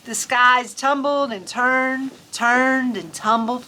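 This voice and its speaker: Taking it slowly, a woman with a high, pushed and bright voice reads to children, shifting between playful, folksy storytelling and casual talk. Faint ambient noise surrounds her outdoors on a farm in cold weather.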